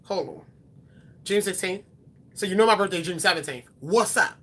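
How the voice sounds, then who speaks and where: A beauty vlogger in her twenties chats with viewers and answers their questions off the cuff, rambling a bit with frequent ums and self-corrections. Her husky voice sits low but sounds bright and forward, at a moderate pace.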